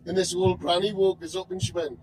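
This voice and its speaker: A man's voice: high voice, monotone, a little fast, darkish tone, breathy edge, rough recording. A man, chatting casually as a musician guest, colloquial, blunt and sweary. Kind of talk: casual chat.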